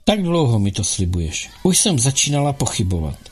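A man's voice: medium pitch, sing-song, husky, soft background music. A man reading a haughty young empress. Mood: reproachful. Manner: reproachful, haughty retorts. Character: proud, sharp-tongued young empress.

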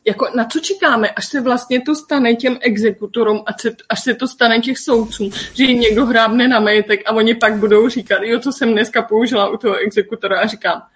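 A woman's voice: a little high, few pauses. A woman hosting a casual panel discussion, blunt and heated, swearing casually. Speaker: host.

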